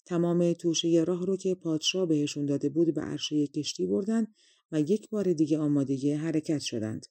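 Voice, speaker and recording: A woman narrating a fairy tale audiobook in a calm, conversational reading style, close to the microphone. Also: sits low, dry recording. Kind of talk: storybook narration.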